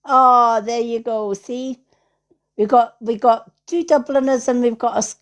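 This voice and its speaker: A Scottish woman hosts a livestream as a psychic medium, giving casual spiritual readings in a fairly high, steady voice at a measured pace. She's affirming, repeats herself, and often checks in with "right?"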